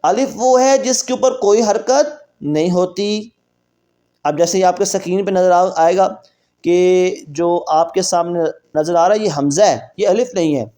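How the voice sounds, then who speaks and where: Pakistani quran teacher guy, kinda high voice, rattles off rules then stretches letters out slow. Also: warm tone. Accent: Pakistani Urdu. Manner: explains quickly, then drawls letters slowly for practice. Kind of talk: recorded reading lesson.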